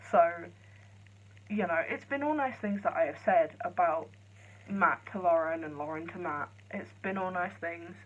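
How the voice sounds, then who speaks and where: A woman talks quietly and chattily to her vlog viewers, her thoughts rambling from one thing to the next. Her voice sits at an ordinary pitch. The sound comes through a phone camera and is dull and lo-fi. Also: breathy edge. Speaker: vlogger. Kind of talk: casual vlog chat. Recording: lo-fi phone audio.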